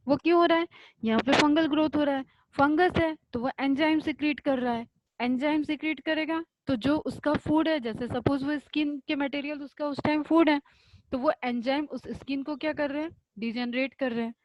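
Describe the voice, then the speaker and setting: A woman teaching a biology class who explains step by step, asks her own questions and answers them, and reads definitions out slowly. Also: sits high, dull audio. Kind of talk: online class lecture.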